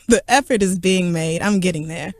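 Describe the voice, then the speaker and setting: A woman's voice: on the low side, moderate pace, darkish tone, dry recording, studio quality. A woman co-hosting a podcast, teasing and laughing in casual chat. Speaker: podcast co-host.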